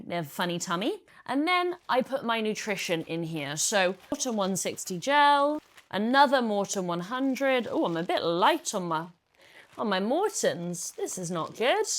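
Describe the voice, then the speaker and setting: A woman, talking through her triathlon kit in a casual how-to vlog, chatty and practical. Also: medium pitch. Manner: chatty, practical, explains step by step. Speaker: triathlete vlogger.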